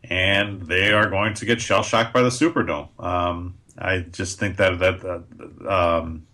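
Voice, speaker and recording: A man's voice: deep voice, steady tone, measured pace, bright, forceful tone. A man hosting a casual sports podcast, blunt and opinionated, steering the segments. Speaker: podcast host.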